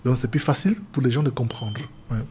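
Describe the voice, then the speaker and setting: With slight background noise, a fast-talking man with a mid-range, somewhat mellow voice speaks earnestly in an interview. He is a Cameroonian pastor and chaplain to seamen who repeats himself and often breaks off to restart.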